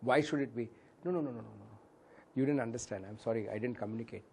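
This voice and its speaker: Quick-paced and medium in pitch, this man's dark voice carries vocal fry and a breathy edge. In a valuation workshop lecture with audience questions, he speaks Indian-accented English, cracks his voice at moments, says sir, and throws in Hindi.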